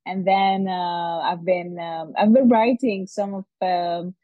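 Low-voiced woman, halting remote guest. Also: steady tone, no room sound. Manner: halting, thoughtful, many pauses. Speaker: podcast guest. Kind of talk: casual remote interview talk. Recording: dull, dry remote call audio.

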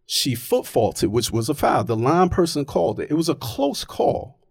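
Male, argumentative casual talker, animated delivery, dry close sound. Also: fairly high pitch, moderate pace, vocal fry, slightly rough, no echo. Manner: emphatic, argumentative, keeps checking with "right?". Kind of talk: casual opinionated chat.

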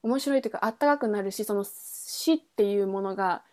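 Her voice sits in the mid-range, with a darkish tone and a fairly brisk pace. As a podcast host presenting a book, she gives a relaxed explanation of the novel, reasoning aloud and fixing her own wording along the way.

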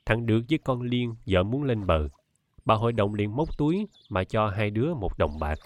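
Low-voiced man narrating an audiobook. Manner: steady, measured storytelling. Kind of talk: scripted narration.

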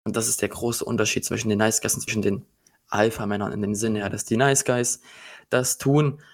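A man's voice: lowish voice, steady tone, a little fast. A young man in casual podcast chat, laying out his views in an assertive, lecturing way.

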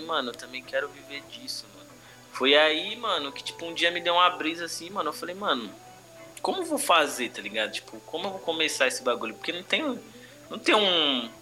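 Bright-voiced São Paulo Brazilian man, slangy. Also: medium pitch. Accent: Brazilian Portuguese, São Paulo. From Brazil, urban periphery. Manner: heavy street slang, frequent conversational tags. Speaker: comedian interview guest. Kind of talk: casual podcast storytelling.

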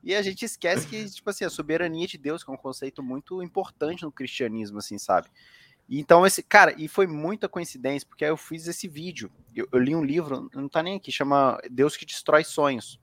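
A man's voice: on the high side, lively intonation, fairly quick, a bit bright, no echo. A man hosting a casual podcast, telling a story with lots of slang and swearing. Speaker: podcast host.

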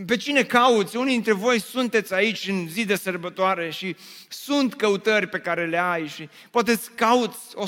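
Bright-voiced preacher in a reverberant church. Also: male voice, sits high. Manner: repetitive preaching refrains, rhetorical questions to the congregation. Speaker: pastor. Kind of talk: sermon.

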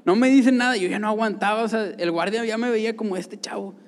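A man's voice: high voice, fast talker. A man with a Mexican accent giving an earnest personal testimony in a church hall, acting out the dialogue as he tells it. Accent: Mexican Spanish. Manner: earnest storytelling, acts out dialogue. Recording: echoey hall reverb.

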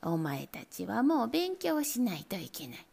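A woman voicing a commanding father cat general in a storybook reading, speaking low, slow and half-whispered. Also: very animated, vocal fry, darkish tone, breathy edge, heavily acted.

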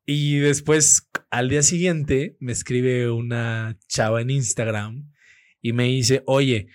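A man with a Mexican Spanish accent, a radio producer and host, telling lively anecdotes in casual slangy chat with many fillers. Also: medium pitch, slow, no echo. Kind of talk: casual podcast chat, storytelling.

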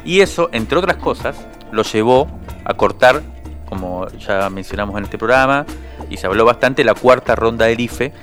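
A man's voice: mid-range voice, moderate pace, a bit bright, soft background music. A man, a journalist co-hosting a radio show, giving conversational political commentary with frequent hesitations. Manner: conversational, hesitant with fillers and restarts.

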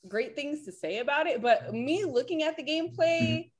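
A woman with a Californian valley girl voice, co-hosting a casual podcast chat, animated and laughing often. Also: high-pitched, moderate pace. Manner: animated, laughs often, acts out quoted lines. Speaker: podcast co-host.

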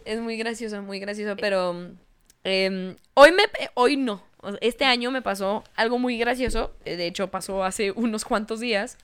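A woman's voice: medium pitch, moderate pace, clean tone. A woman with a Mexican accent hosting a casual chat show, swearing freely and telling stories with a laugh. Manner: swears freely, laughs often, lively storytelling. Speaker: podcast host.

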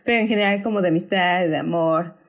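Woman, young, casual podcast chat, animated, laughs often. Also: quick pace. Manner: animated, laughs often, acts out her own reactions in high squeals. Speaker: podcast co-host.

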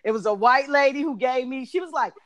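High-voiced woman with a DC accent. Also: crowd noise. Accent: Washington, D.C. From Washington, D.C. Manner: slangy, profane, quick to laugh. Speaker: podcast co-host. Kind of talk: casual chat, animated storytelling.

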